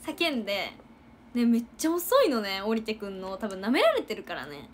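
A bubbly young woman, talking to viewers in a relaxed livestream. Her fairly high voice swings up and down with energy, and she breaks into giggles and shouted quotes. A faint hiss sits under the recording. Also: moderate pace. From Japan. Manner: chatty, giggly, acts out loud quotes. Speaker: idol livestreamer. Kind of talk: casual livestream chat with viewers.

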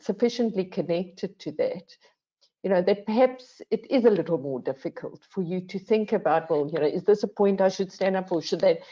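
An older woman, a panel guest, talks reflectively in a mellow, medium-pitched voice. She is earnest and emphatic, often asking herself questions and tacking on "right?". The video call audio is dull and lo-fi.

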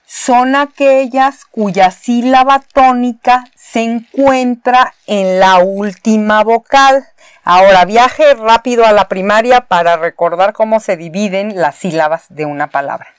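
Slow, clear-voiced Mexican woman teaching. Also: medium pitch, no room sound. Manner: patient, explains step by step, repeats key words. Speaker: university teacher. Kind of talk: recorded spelling lesson at a board.

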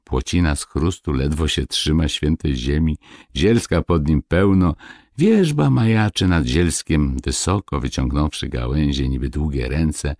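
Deep, husky male storyteller. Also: dry recording, studio quality. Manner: slow, melodic, theatrical. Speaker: audiobook narrator. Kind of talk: expressive storybook narration.

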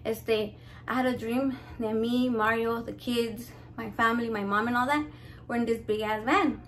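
A young woman with a Mexican American accent talks to her viewers in a high, brassy voice, cursing freely and switching between English and Spanish. She tells stories like she's gossiping with friends at home. A faint hiss sits under the recording. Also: fairly even intonation, normal speed. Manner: brash, swears constantly, switches into Spanish. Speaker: cooking channel host. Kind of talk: casual profane chat to camera.

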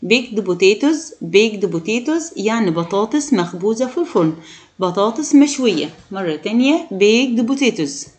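A woman with an Egyptian Arabic accent teaching an English lesson to children, repeating each word slowly and asking the pupils questions. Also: medium pitch, lively intonation, darkish tone. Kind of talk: classroom lesson explaining vocabulary.

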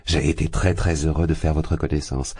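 A man's voice: very deep voice, steady tone, normal speed, dark tone, husky, no echo, exaggerated voice. A man voicing a sly, affable magistrate who talks with chatty, feigned good humor. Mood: jovial. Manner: jovial, chatty, feigned bonhomie. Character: affable sly middle-aged male magistrate.

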